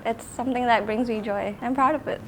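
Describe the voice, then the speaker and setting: A woman's voice: on the high side, fairly even intonation, normal speed, a bit bright, a little hiss or hum. Upbeat young woman in her twenties. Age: 20s. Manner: upbeat, candid, mostly in English. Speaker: writer.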